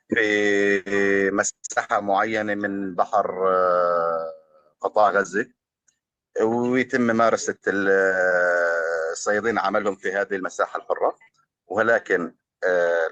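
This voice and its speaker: Low-voiced Palestinian man, hesitant and dry-sounding. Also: a bit bright, dry recording, muffled recording. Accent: Palestinian Arabic. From Gaza, Palestine. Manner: hesitant, pausing often with fillers. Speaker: journalist being interviewed. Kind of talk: earnest spoken testimony in formal-leaning Arabic.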